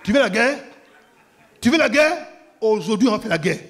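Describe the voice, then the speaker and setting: A man voicing an enraged husband who shakes with anger and shouts threats. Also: lively intonation, moderate pace. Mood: defiant. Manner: shouting, high-pitched bursts. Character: furious husband, trembling with rage, threatening.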